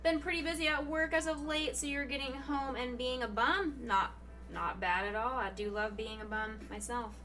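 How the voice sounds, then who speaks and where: Streaming on Twitch from a room at home, a young woman reads chat messages and banters playfully while fighting off hiccups, now and then swinging into high, surprised exclamations. Her voice is steady, pushed and bright at normal speed, picked up a little off-mic from a distance, with music behind her.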